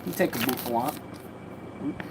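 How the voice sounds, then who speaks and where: A woman speaks at normal speed in a rumbling low voice as she cracks open trading card packs on a livestream. She's in a home room with a mattress against the wall, rambling, using slang and swearing freely. A neighboring party is faintly audible.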